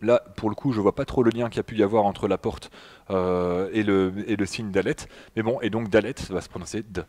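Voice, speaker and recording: A man's voice: on the low side, fairly even intonation, a little fast, a little mellow. A man with a French accent giving a public lecture with slides, talking to the audience with many fillers and restarts. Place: public hall in front of an audience.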